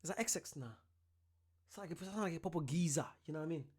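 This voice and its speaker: A woman's voice: deep voice, fast, darkish tone, breathy edge. A woman hosting a reaction video who thinks aloud in a puzzled, casual way.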